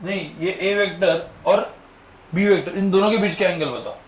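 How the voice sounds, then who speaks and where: A man's voice: high-pitched, normal speed, a little hiss or hum. A male physics teacher giving a classroom lecture, firing constant questions at his students. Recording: echoey classroom with faint ambience.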